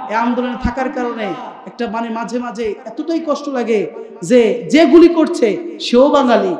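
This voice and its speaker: A young male preacher from Rangpur with a strikingly high voice delivers a fervent sermon. He chants his phrases in a sing-song cadence and rises to loud shouts, calling on the crowd to answer. The sound rings through a roomy, echoing public-address setup. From Rangpur, Bangladesh. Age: young adult. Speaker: Islamic preacher. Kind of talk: fiery sermon at a religious gathering.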